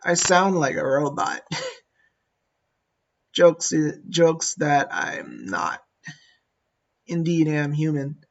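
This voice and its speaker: A man's voice: on the high side, expressive, very slow, vocal fry, pauses often, dull audio. A man giving casual, musing commentary on a strategy game and talking to his units as he plays. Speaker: gameplay commentator.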